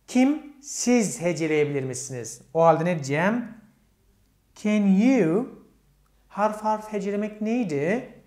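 A man's voice: high-pitched, lively intonation, unhurried, a little mellow. A man teaching English grammar to Turkish speakers. He poses questions to his students and answers them himself, and he says the English examples with a Turkish accent. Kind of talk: explaining grammar step by step. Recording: echoey room.

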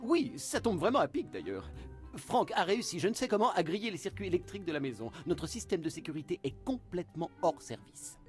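A woman's voice: fairly low pitch, sing-song, a little fast, soft background music, pitched below the performer's own voice. A woman reading a reserved, vague neighbor man. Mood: calm. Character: mild-mannered adult man, vague and reserved.

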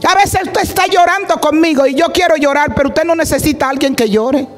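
A woman preaching an impassioned Pentecostal sermon, rising into shouted declarations and breaking into tongues. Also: high voice, fairly quick, soft background music.

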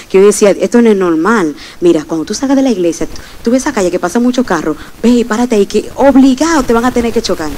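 A woman's voice: medium pitch, poor audio. Emphatic woman preaching a sermon. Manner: emphatic, addresses the congregation directly. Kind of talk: sermon with personal testimony.

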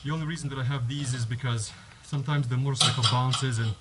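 A vlogger stands on a home driveway by a garage, filming a casual how-to with a head-mounted action camera amid background noise. He has a mid-range voice, a steady tone, and a quick pace, and he rambles, restarts sentences, and lays out each step in turn.

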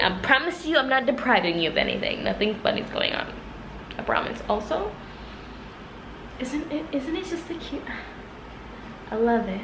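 A woman's voice: fairly high pitch, roomy sound, noisy background. A young adult woman chatting informally and rambling along in a casual vlog, talking to a camera at arm's length indoors. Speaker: vlogger. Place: living room, indoors. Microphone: camera at about arm's length.

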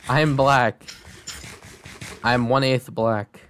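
A man's voice: medium pitch, steady tone, slow pace, noisy background. A man playing Minecraft with a friend, joking and reacting casually as he plays. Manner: joking, playful, mutters reactions to the game. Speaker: Minecraft server player, channel host. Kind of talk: casual gaming chat.

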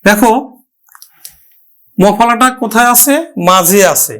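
A man teaching a pronunciation lesson, addressing students directly, explaining step by step and slowly drawing out example words. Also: high-pitched, fairly bright tone. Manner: slow, drawn-out repetition of example words. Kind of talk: Bengali grammar lesson.

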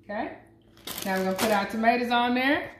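A talkative woman walks her viewers through a home recipe, her voice a little high. She films on a phone held in one hand. There is clear kitchen noise in the recording, with a pan sizzling behind her. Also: brisk. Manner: chatty, talks to viewers while cooking one-handed. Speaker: cooking vlogger. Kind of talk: casual cooking chat. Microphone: phone camera held in one hand.

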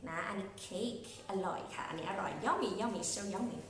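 A woman with a Thai accent teaching young children English phonics, spelling each word out letter by letter. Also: mid-range voice. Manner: slow, spells words letter by letter. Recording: echoey room, far from mic, faint hiss.

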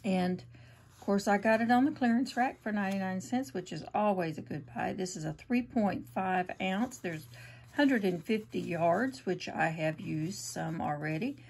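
A woman's voice: mid-range voice, normal speed, a little mellow, breathy edge. A middle-aged woman with a Southern US accent, hosting a casual crochet tutorial in a chatty, homespun way with fillers. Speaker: crochet channel host.

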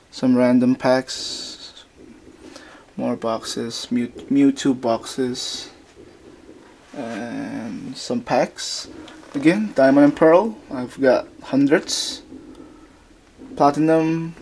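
A man giving a casual narrated tour of his indoor collection room, talking haltingly with many fillers and restarts into a handheld camera mic. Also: medium pitch, a little mellow, a little hiss or hum.

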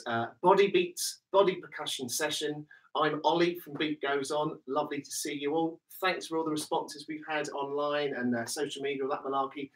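A man's voice: a little high, fairly bright tone. A man leading a live online body percussion workshop, upbeat and chatty, counting beats and vocalising rhythms. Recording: distant mic with noticeable background noise.

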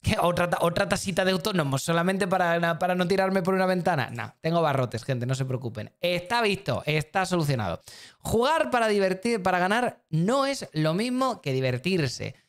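A man streams and reacts to videos, chatting casually and rambling, often repeating himself and speaking directly to his chat. His voice is high-pitched and expressive at a moderate pace.

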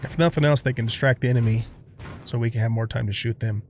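A man's voice: medium pitch, fairly even intonation, quick pace, darkish tone, a little hiss or hum. A man giving casual gameplay commentary, musing aloud in a rambling way. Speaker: gamer narrating a let's play.

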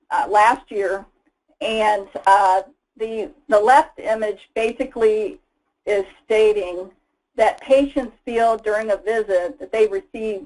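A woman's voice: mid-range voice, darkish tone, rough recording. A woman giving a casual, explanatory slide webinar presentation as a product presenter, with frequent fillers. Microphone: voice-over for slides.

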